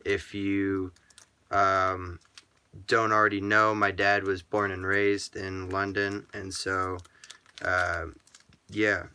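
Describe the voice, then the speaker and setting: A man casually chatting through his sports card collection in a relaxed, rambling way, full of ums and uhs. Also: low voice, slow pace, smooth. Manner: talks to himself aloud. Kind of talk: casual vlog chat.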